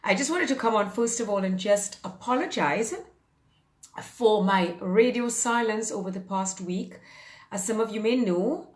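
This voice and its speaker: Chatty woman in her fifties, echoey room. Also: medium pitch. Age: 50s. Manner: chatty and upbeat, rambling with many fillers. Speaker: fitness and mindset coach. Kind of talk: casual live-stream chat. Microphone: phone or webcam on a live stream.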